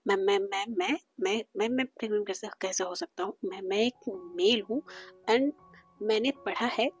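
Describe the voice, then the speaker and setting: A woman's voice: mid-range voice, moderate pace, husky, dry recording, soft background music, pitched below the performer's own voice, natural voice. A woman voicing an emotional, angry young male patient who demands answers and stammers when shocked.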